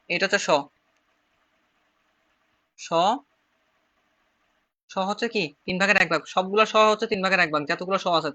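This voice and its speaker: A man's voice: sits high, bright, forceful tone. A man from Bangladesh with a Chittagong Bengali accent, teaching an online shorthand class and repeating each step patiently. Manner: repetitive, drilling, step-by-step explaining.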